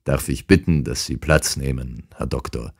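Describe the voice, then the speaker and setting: A man voicing a calm, unshakable detective in an audiobook, speaking with dry irony. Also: extremely low pitch, moderate pace. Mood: calm, ironic. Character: calm, ironic adult male detective. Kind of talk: audiobook character reading.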